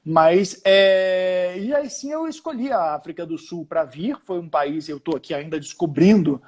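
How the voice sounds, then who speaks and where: High-voiced Brazilian man telling stories. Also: animated, measured pace, darkish tone. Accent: Brazilian Portuguese. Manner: storytelling, many restarts and fillers. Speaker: journalist guest. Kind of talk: casual interview chat.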